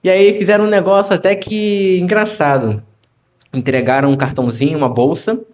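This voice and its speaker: A man's voice: high voice, steady tone, normal speed, a little mellow. A young man with a Rio de Janeiro accent preaching in church, telling a story conversationally and acting out the dialogue in different voices. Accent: Rio de Janeiro Portuguese. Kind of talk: sermon with storytelling.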